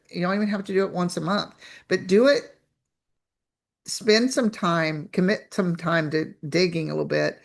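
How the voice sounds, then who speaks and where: A woman's voice: fairly low pitch, vocal fry. A woman coach teaching a live online training, chatty, asking rhetorical questions and restarting her phrases. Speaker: business coach.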